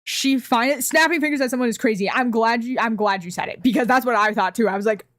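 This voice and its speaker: A woman streamer telling a workplace story to her chat in a casual, animated way, swearing freely. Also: a little high, quick pace, dry recording, clean studio sound. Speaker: streamer reacting to videos.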